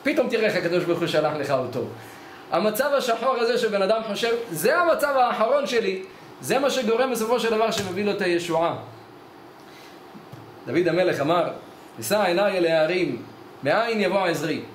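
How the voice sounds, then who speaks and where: With a high voice and lively intonation, a rabbi acts out the dialogue of a tale during his weekly Torah lesson in a study hall. The recording carries a little hiss or hum along with the hall's echo and faint ambience.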